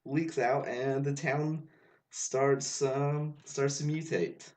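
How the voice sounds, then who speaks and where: A man's voice: mid-range voice, steady tone, slow, darkish tone. A man co-hosting a podcast in casual chat, adding dry, sarcastic quips. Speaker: podcast co-host.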